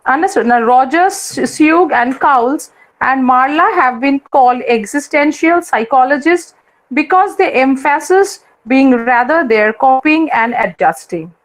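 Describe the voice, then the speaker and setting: High-voiced Indian English woman lecturing. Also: animated, unhurried, poor audio. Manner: repeats points and checks with students. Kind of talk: online class lecture.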